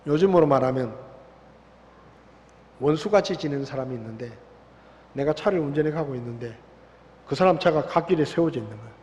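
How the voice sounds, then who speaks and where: A man with a Gyeongsang accent, preaching a sermon as pastor with animated, story-driven delivery. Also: a little high, fairly quick, long pauses, highs cut off. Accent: Gyeongsang Korean. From Gyeongsang province, South Korea. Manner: animated storytelling, acting out voices. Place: church sanctuary. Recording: long church hall reverb.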